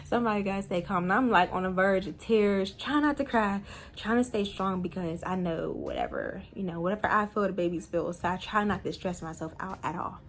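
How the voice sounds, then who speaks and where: A young woman casually telling a personal story to her viewers, chatty and animated, full of fillers. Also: medium pitch, fairly quick. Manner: chatty, animated retelling with many fillers and laughs.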